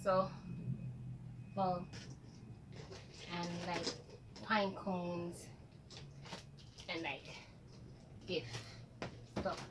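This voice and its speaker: A woman's voice: on the low side, flat delivery, very slow, pauses often. A young woman from Jamaica chatting casually and rambling a little in a home vlog, a bit tired. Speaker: vlogger. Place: bedroom at home. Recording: distant mic with clear room noise.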